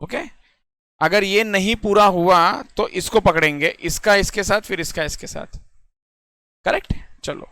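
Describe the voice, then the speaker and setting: Bright-voiced male tutor, talking dry and close. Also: sits high, a little slow, clear, resonant tone, no room sound. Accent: Indian English mixed into Hindi. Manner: explains step by step, often checking if students follow. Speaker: teacher. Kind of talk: classroom lecture on reasoning puzzles.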